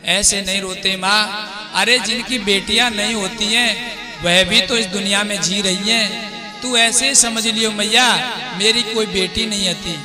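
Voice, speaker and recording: A gentle young bride, as a preacher puts her on, earnestly comforts her mother and asks for her blessing. The voice is high and unhurried, with devotional music behind it. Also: steady tone.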